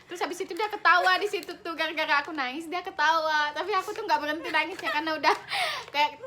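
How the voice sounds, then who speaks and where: A woman's voice: very high voice, fast talker, noisy background. A young woman casually telling a story to a friend, acting out the quotes and laughing often.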